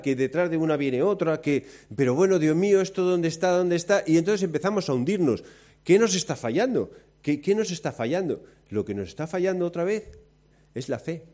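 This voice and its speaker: A man preaching a sermon, telling the story with lively acted-out quotes and questions to the listeners. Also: a little high. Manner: lively storytelling, acts out quoted voices, asks the audience questions.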